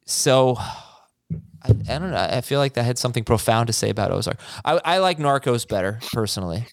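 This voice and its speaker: A man's voice: mid-range voice, expressive, a little fast, vocal fry, dry recording. American man hosting a casual podcast, dry sound. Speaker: podcast host. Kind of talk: casual chat, TV show discussion.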